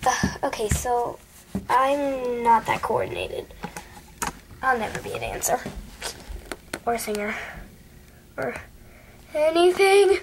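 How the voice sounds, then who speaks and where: A teenage girl vlogging to camera, rambling playfully and dropping into whispers between loud bursts. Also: on the high side, big pitch swings, slow pace, creaky, pauses often, a little hiss or hum. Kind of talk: casual vlog chat.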